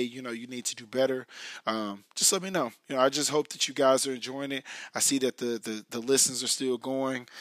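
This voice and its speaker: American male podcast host, raspy whiskey voice, hoarse and worn, medium pitch, casual slangy rambling, close dry sound. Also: fairly bright tone, no echo. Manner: rambling, slangy, addresses listeners directly. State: hoarse, losing his voice. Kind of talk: casual solo podcast talk.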